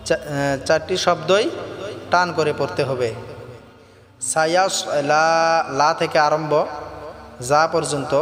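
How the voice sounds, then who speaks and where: A man with a Bangladeshi Bengali accent teaching Quran recitation, chanting verses slowly and then explaining pronunciation. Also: a little high, fairly even intonation, a bit bright. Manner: slow drawn-out chanting alternating with quick spoken explanation. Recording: echoey reverb with faint music.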